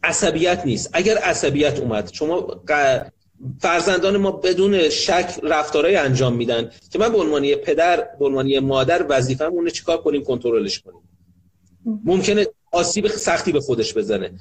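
A man's voice: a little high, expressive, slightly rough. A middle-aged man, a sociologist and family counselor, gives a talk on parenting and often asks rhetorical questions, then answers them himself. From Iran.

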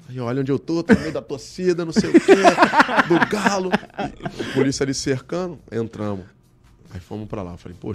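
A man with a Brazilian Portuguese accent from Rio, telling anecdotes in slangy, casual chat as an interview guest. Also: medium pitch. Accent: Brazilian Portuguese, Rio de Janeiro. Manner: slangy, animated storytelling. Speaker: guest, celebrity look-alike and comedy performer.

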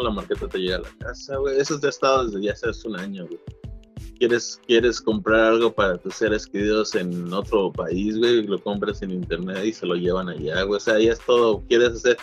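A young man with a Chicano Mexican-American accent chatting casually in slangy, profane Spanglish-sprinkled speech, telling anecdotes. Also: medium pitch. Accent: Chicano Mexican-American Spanish. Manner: slangy, profane, mixes in English words. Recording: dull lo-fi sound, faint music behind.

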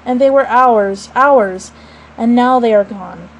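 A woman voicing a gentle, affectionate mother in a storybook, with a placid, tender, soothing manner. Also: on the high side, lively intonation, moderate pace, slight background noise, close to an everyday voice, rough recording. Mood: wistful.

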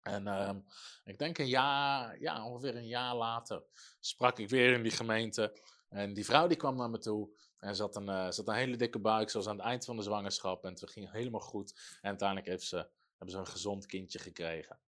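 A man's voice: on the low side, fairly even intonation, a little fast, fairly bright tone. A middle-aged man preaching a sermon, earnest and storytelling, with fillers and restarts.

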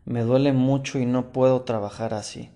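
A man voicing a young craftsman who speaks in an earnest, softly wondering way. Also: mid-range voice, steady tone, moderate pace, natural voice.

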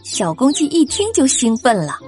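A woman narrating a children's story, gently speaking to young listeners. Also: sits high, huge pitch swings, normal speed, soft background music. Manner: gentle, addresses children directly.

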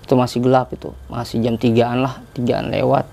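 A man's voice: medium pitch, level tone, a little fast, vocal fry, warm tone. A young man casually telling a story as a podcast guest, rambling along and tagging his sentences with fillers. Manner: chatty, rambling, with many filler tags.

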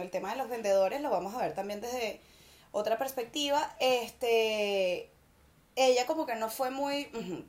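A woman with a Venezuelan accent chatting casually and bluntly as a podcast co-host, swearing for emphasis. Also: on the high side. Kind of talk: casual chat.

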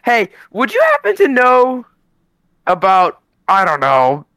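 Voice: medium pitch, huge pitch swings, slow pace, bright, forceful tone. A player speaking in character at a tabletop game, rambling eagerly about conspiracies.

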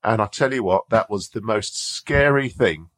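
A man hosting a podcast interview, relaxed and self-deprecating, laughing easily. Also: fairly low pitch, moderate pace, no room sound. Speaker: podcast host. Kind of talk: casual interview chat. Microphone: podcast microphone.

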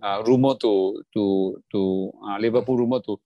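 A man's voice: fairly low pitch, steady tone, fairly quick, dull audio. A man with a Singaporean or Malaysian accent chats casually about sport with friends in colloquial slang English, peppered with particles and insistently repeated phrases. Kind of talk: casual football banter among friends.

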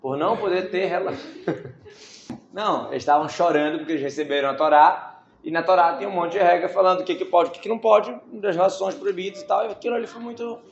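A man teaching a casual Bible study class, reading verses aloud and adding joking asides and quick rhetorical questions. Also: high voice, creaky. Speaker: Torah teacher. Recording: echoey room, dull lo-fi sound, faint hiss.

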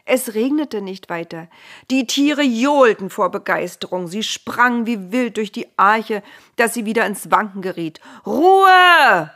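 A woman narrating a storybook in a gentle, expressive way, at times dropping to a whisper. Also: mid-range voice, measured pace.

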